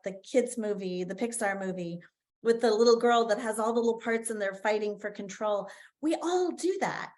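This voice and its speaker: A woman facilitating an online writing workshop on a video call, enthusiastic and laughing often. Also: fairly high pitch.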